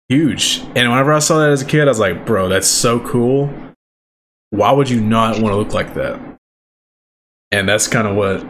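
A man's voice: mid-range voice, a bit bright, a little hiss or hum. A young man co-hosting a podcast, rambling casually and saying "bro" a lot. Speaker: podcast co-host. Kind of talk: casual chat.

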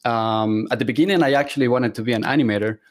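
Talking fast in a medium-pitched voice, a native-speaking man from Ecuador appears as a guest 3D artist, answering interview questions over a video call. He's earnest and casual, laughing often and using plenty of fillers.

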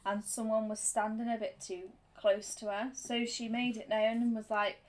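A woman's voice: fairly high pitch, little pitch movement, normal speed. A woman co-hosting a casual podcast, a supportive listener who talks with lots of fillers, in an amateur home recording. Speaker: podcast co-host. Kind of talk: casual chat about anxiety.

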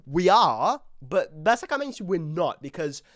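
Excitable young Englishman, lively voice. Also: high-pitched, a little slow, no echo, clean studio sound. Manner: excitable, mixes broken Portuguese into English. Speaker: podcast host. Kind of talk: casual solo podcast chat. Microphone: desk mic on camera.

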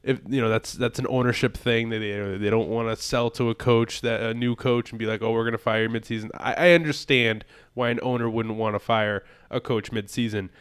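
A man's voice: medium pitch, steady tone, moderate pace, few pauses, smooth. A man co-hosting a casual sports podcast, rambling and restarting his sentences as he talks. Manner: rambling, repeats words when starting a thought. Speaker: podcast co-host.

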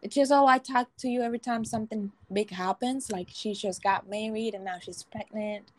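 A woman's voice: fairly high pitch, moderate pace. A woman co-hosting a casual podcast chat, reacting in a bubbly, effusive way. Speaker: podcast co-host.

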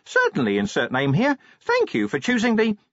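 A man's voice: high voice, huge pitch swings, moderate pace, dry recording, voice pushed up. A man voicing an eager, chirpy little imp living in a gadget, relentlessly polite and keen to please. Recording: dull dry studio recording.

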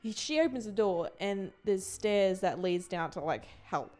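A woman's voice: mid-range voice, expressive, measured pace, a little mellow. A woman on a podcast, eagerly retelling a horror film scene with vivid, swearing emphasis. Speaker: podcast co-host. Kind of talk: casual film discussion.

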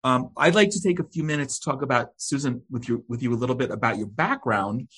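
Husky-voiced man hosting an interview. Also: medium pitch. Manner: warm, halting, with many ums and repeated words. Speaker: host. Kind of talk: hosted interview.

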